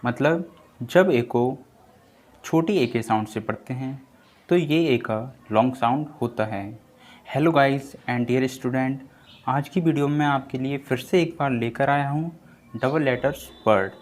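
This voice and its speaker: A man's voice: medium pitch, takes it slowly. A young man teaching pronunciation rules in a patient lesson, repeating each rule several times. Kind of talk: slow explanatory lesson.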